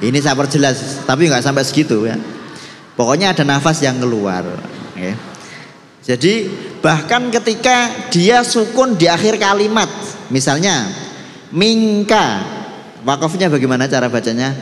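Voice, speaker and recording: A man teaching Quran reading in a mosque, drawing out sounds slowly and loudly before relaxed explanations. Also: a little high, echoey room, big-room sound, a little hiss or hum. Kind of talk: classroom Quran reading lesson. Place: mosque hall.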